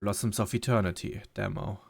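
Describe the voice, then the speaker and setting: A man's voice: lowish voice, fairly even intonation, brisk, dry recording, studio quality. A man playing through a visual novel, reading its lines aloud with feeling and breaking off for his own asides. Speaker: let's play gamer. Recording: music playing clearly behind.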